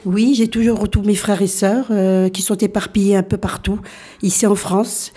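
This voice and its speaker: A woman in her sixties, born in Algeria, telling her life story as a radio guest and often pausing to restart her sentences. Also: mid-range voice, flat delivery, warm tone, breathy edge. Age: 60s. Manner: hesitant, many fillers and restarts.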